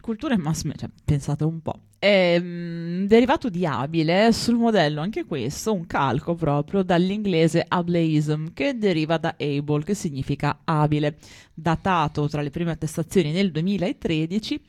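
A woman's voice: sits low, moderate pace, darkish tone, no room sound, studio quality. Woman co-host talking with a retainer in. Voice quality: speech slightly impaired by a dental retainer. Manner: wry, irreverent, stumbles over words while reading. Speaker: podcast co-host. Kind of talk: casual chat, reading out definitions.

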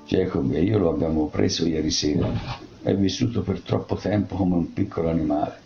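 A man's voice: low voice, fairly quick, vocal fry, dark tone, roomy sound. A man reading aloud and voicing a weary, humble old father in a storybook reading. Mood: firm. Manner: resigned, plain-spoken. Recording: dull lo-fi audiobook with faint music.

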